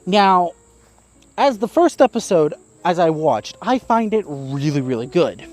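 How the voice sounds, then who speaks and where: A man's voice: sits high, big pitch swings, measured pace. A man giving a casual, candid spoken review, chatty and plain-spoken with the odd curse. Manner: candid and chatty, with frequent fillers and mild swearing. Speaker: YouTube reviewer.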